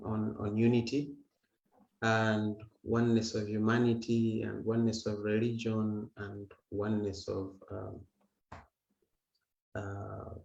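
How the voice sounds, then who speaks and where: A man's voice: fairly low pitch, creaky. A man talking casually as a guest musician, stumbling and repeating words as he explains. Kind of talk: singing and casual talk over video call. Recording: echoey, dull lo-fi sound with guitar. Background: guitar music.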